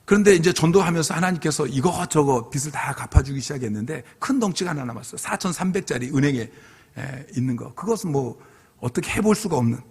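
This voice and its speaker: A man's voice: fairly high pitch, lively intonation, quick pace, gravelly, breathy edge. A middle-aged male pastor giving a revival sermon as a personal testimony, telling his story earnestly and acting out his own past pleas. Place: church sanctuary. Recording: long hall reverb.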